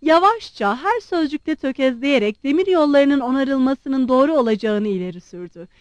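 High, lively woman narrating a novel. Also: moderate pace, no echo. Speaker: audiobook narrator. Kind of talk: novel reading.

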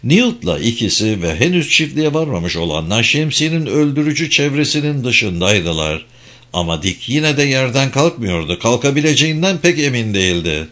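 A man reading a dark novel aloud as an audiobook narrator, with expressive delivery. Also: mid-range voice, normal speed.

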